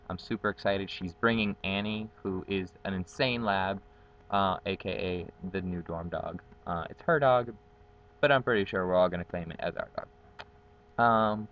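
Recorded close up on a webcam's built-in mic, a young Guatemalan dorm community facilitator at college, a native Spanish speaker, chats upbeat and casual about himself, with plenty of ums. He's outside on a patio among trees. His voice is low, the audio dull, with a little hiss or hum.

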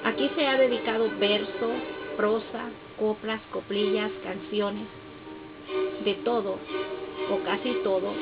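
A woman poet from Honduras speaking slowly and solemnly from a podium on a festival stage, recorded on a camera out in the hall. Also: medium pitch. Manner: slow, solemn and declamatory. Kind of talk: poetry recital speech. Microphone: podium mic, camera far off in the hall. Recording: dull lo-fi camera audio with loud music.

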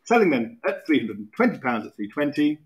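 Auctioneer, British man, thirties, brisk repetitive bid calling from a lectern, voice sitting a touch high. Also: sing-song, highs cut off, very noisy. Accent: British English. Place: auction room podium, indoors.

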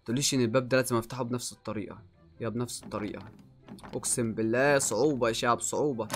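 A young man with an Egyptian accent giving excitable let's play commentary, swinging from muttering to yelling. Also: mid-range voice, racing, soft background music. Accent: Egyptian Arabic. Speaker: gaming YouTuber.

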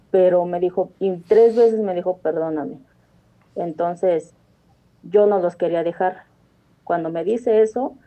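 A woman, calling in to tell a personal story earnestly, rambling with frequent restarts. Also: fairly low pitch. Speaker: caller. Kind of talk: telling a personal story on a phone-in show. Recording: tinny phone line.

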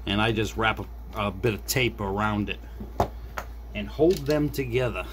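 A lowish male voice at normal speed carries this casual repair demo. The middle-aged hobbyist video maker works at an indoor desk, sharing his unscripted thoughts with viewers as he goes. Room ambience and background noise fill the recording.

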